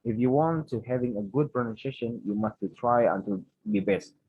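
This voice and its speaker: A young man from Indonesia with an Indonesian accent, a student giving a class presentation, reading prepared points haltingly and correcting himself. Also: mid-range voice, animated, husky, no room sound, narrow, tinny audio. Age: young adult.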